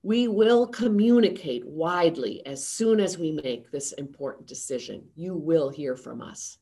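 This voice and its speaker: Older woman in her 60s giving a formal address on a video call, slow and steady, kinda low voice. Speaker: seminary president. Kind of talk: prepared address to a town hall. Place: home study with bookshelves.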